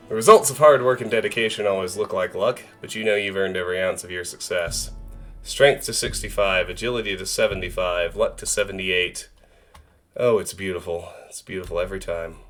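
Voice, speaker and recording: A man in his thirties chats through a live game stream in a relaxed, joking way, often trailing off mid-thought. His voice sits on the low side. Soft music plays behind him. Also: a little fast. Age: 30s. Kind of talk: casual live-stream chat.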